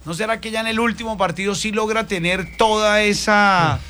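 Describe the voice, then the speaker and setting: A man's voice: high-pitched, moderate pace, faint music behind. A man hosting a sports radio show, animatedly quizzing his co-hosts in casual debate. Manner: animated, quizzing co-hosts, reads sponsor promo.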